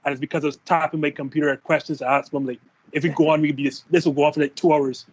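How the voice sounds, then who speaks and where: A man's voice: fairly high pitch, level tone, racing, darkish tone. A man hosting an interview show, chatty and loose, with lots of "like", heard over a muffled video call. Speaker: show host. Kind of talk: casual interview talk.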